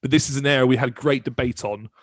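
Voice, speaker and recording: A man co-hosts a podcast in casual chat. He talks quickly and in a chatty way, often restarting his phrases. His voice sits at a middling pitch and is recorded dry and close. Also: fairly even intonation, dry recording. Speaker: podcast co-host.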